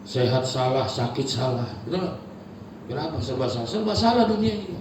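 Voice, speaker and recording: A man's voice: very animated, a little fast. Echoey, impassioned male preacher. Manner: swings from low murmurs to high shouted cries, addresses the congregation as Pak. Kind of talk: sermon. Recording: echoey hall, picked up from far off, noisy.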